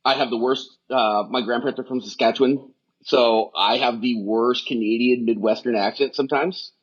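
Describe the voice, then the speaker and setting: Over dull lo-fi audio, a middle-aged firefighter rehab specialist talks as a podcast guest, chatting casually in fast, long-winded run-on stretches. His voice is mid-range and slightly rough, with fairly even intonation.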